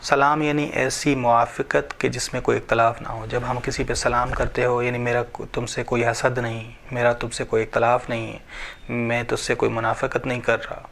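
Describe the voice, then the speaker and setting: A man's voice: mid-range voice, little pitch movement, normal speed, gravelly, fairly bright tone, a little hiss or hum. A man teaching a religious lesson, explaining each point, repeating phrases and reciting scripture. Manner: repetitive, explanatory, asks and answers his own questions.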